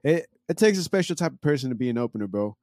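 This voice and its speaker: A man's voice: medium pitch, big pitch swings, very fast, a little mellow, no room sound, studio quality. A man chatting casually like a frat bro, with slang, swearing and plenty of "bro" and "dude". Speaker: show host. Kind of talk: casual group chat.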